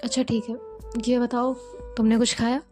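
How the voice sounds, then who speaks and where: A stern young businesswoman speaks in short, firm sentences, read by a female storyteller. Her voice sits a little high, with soft music playing behind her in a storybook audio. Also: little pitch movement, normal speed, close to an everyday voice. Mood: curt. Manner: curt, clipped, firm.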